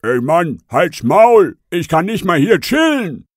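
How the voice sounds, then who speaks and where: A man's voice: sits high, big pitch swings, slow pace, no room sound, clean studio sound, pitched above the performer's own voice, exaggerated voice. A man voicing a rude, lazy fat male frog in a storybook parody. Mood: grumpy. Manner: rude, slangy.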